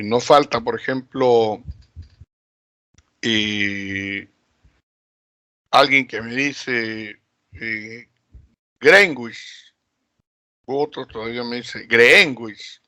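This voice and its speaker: A middle-aged Peruvian man teaching a geography class in Peruvian Spanish, drawing words out and filling pauses with hesitations and rhetorical questions. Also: mid-range voice, a bit bright, no echo. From Peru. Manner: slow, drawn-out delivery with many fillers and rhetorical questions. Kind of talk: recorded classroom lecture.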